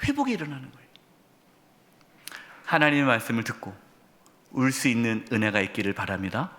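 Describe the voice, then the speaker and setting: A man's voice: medium pitch, brisk. A middle-aged male pastor preaching a sermon, telling stories and putting questions straight to his congregation. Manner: addresses congregation directly with questions; storytelling, animated emphasis. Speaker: senior pastor. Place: church sanctuary. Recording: long church hall reverb.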